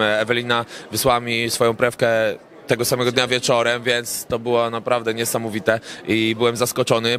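At a cinema premiere, a reporter holds a handheld mic close as a young rapper-songwriter with a mid-range voice fields red-carpet questions in the crowded indoor lobby. His answers are laid-back and meandering, peppered with filler sounds.

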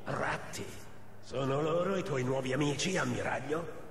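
An actor playing a haughty, pompous captive royal physician in a video game. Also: male voice, medium pitch, normal speed, slight background noise, close to an everyday voice. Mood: defiant. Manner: pompous, scornful. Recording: echoey hall reverb.

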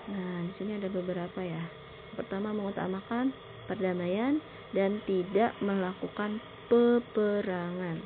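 A woman teacher giving a recorded slideshow lesson, explaining slowly and often pausing on filler words. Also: mid-range voice. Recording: tinny phone-like sound with faint noise.

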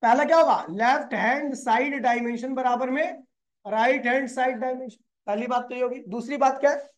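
A man's voice: extremely high pitch, moderate pace. A man teaching physics in a classroom lecture. He asks the class questions and answers them himself, calling the students brother and kid.

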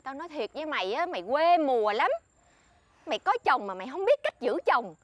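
In a comedy sketch, an actress with a Southern Vietnamese accent plays a boastful, scheming friend who bossily and showily lectures another woman. Her high, sing-song voice moves briskly, and there is no echo.

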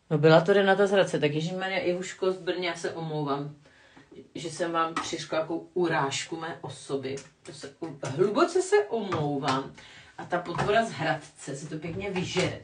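An older woman with a fairly low voice rambles through a casual live-stream chat, self-mocking and prone to laughing. She sits a little back from the mic in a roomy space with a clear echo. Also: far from the mic. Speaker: vlogger reading live chat. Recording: echoey room, voice a bit off-mic.

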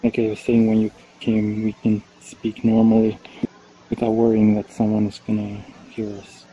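Man, host, casual online chat, very dark voice, flat delivery, hesitant fillers, dull lo-fi audio, faint hiss. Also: fairly low pitch, normal speed. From Sweden. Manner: hesitant, many fillers and restarts. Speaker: club host. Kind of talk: casual group chat in a virtual world.

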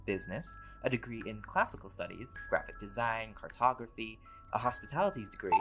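In an intimate, one-sided audio roleplay, a man plays a laid-back vampire who has lived for centuries, speaking to an unseen listener. His fairly low voice is relaxed and conversational, with easy scholarly wit and a wry, teasing playfulness, and his mood is easygoing and matter-of-fact. Music plays clearly in the background.

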